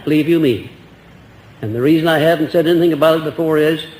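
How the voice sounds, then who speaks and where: Heard on an old archival recording, an echoey hall with faint hiss, an older lecturer earnestly rambles through audience questions, restarting and asking rhetorical questions. His pitch is fairly high and his tone darkish.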